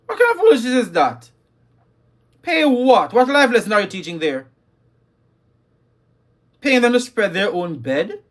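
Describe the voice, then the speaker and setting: A man's voice: high voice, big pitch swings, measured pace, long pauses. A man hosting a live talk on parenting, emphatic and scolding, repeating his key lines and reading viewer comments. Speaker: livestream host.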